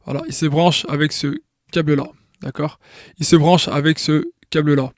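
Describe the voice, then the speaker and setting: A man's voice: on the high side, steady tone, moderate pace, dry recording, clean studio sound. A man giving an informal tutorial, explaining step by step with many restarts and checking in with the viewer. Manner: frequent restarts and repeated words. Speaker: tutorial maker.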